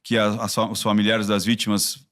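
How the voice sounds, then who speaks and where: A man from Brazil with a Brazilian Portuguese accent. He is a body-language expert talking in a casual podcast conversation, telling stories in an animated way with frequent restarts. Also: on the low side, fairly quick.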